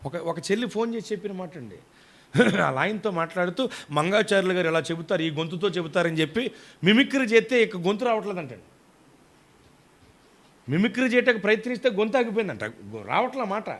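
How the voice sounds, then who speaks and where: A middle-aged male pastor delivers an animated sermon, his fairly high voice rising loud on key points and dropping to soft, quiet asides. He preaches with a storytelling warmth of pace and emphatic repetition. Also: a little fast, pauses often.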